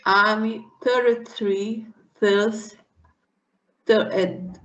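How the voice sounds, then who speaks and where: A woman's voice: medium pitch, steady tone, very slow, fairly bright tone, echoey room, dull audio. A woman with a Brazilian Portuguese accent, a native Portuguese speaker, carefully repeating English phrases as a student and restarting words. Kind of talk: repeating drills in a private lesson.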